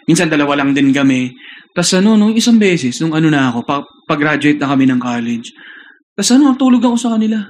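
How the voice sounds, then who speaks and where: A man's voice: a little high, sing-song, quick pace. A man co-hosting a casual chat podcast, telling stories in a rambling way with many fillers. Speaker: podcast co-host.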